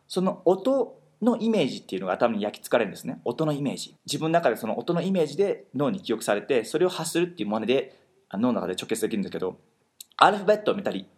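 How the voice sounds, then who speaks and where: A man hosting a talk, explaining pronunciation in an animated way and slowing down on key words for emphasis. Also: mid-range voice, husky. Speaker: host teaching pronunciation. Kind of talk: explanatory chat.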